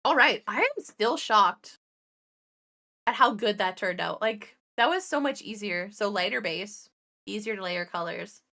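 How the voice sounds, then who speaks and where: A woman's voice: mid-range voice, animated, measured pace, pushed and bright. A woman who used to be an ICU nurse, telling stories in a chatty, profane way while painting miniatures. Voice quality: chatty, profane, laughs often.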